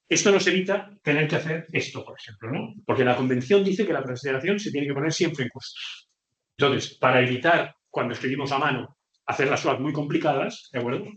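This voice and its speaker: Man, classroom teacher, patient step-by-step explaining, higher voice, echoey room. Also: a bit bright. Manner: explains patiently, often checks in with "ok?". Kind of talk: classroom lecture.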